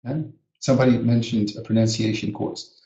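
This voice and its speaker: A Brazilian teacher educator whose first language is Portuguese teaches pronunciation in a live webinar, earnestly and emphatically repeating words as drills. His low-ish voice is steady, brisk, gravelly, and warm, in a muffled, echoey recording, and a small child is heard now and then.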